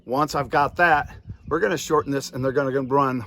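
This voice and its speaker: A man's voice: mid-range voice, fairly even intonation, normal speed, bright, forceful tone, a little hiss or hum. A man giving a hands-on instructional lesson as host, explaining step by step in an emphatic, repetitive coaching manner. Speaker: duck-calling instructor and host.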